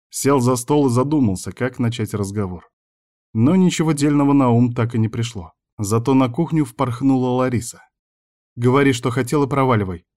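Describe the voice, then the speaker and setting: A man's voice: mid-range voice, a little mellow. A man reading an audiobook as first-person narration, wry and matter-of-fact.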